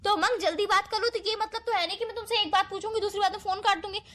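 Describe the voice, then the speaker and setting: A woman's voice: very high-pitched, steady tone, rapid-fire, a bit bright. A young woman playing a girlfriend who defends herself and pleads during a fight with her boyfriend. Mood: arguing. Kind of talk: amateur romantic audio drama.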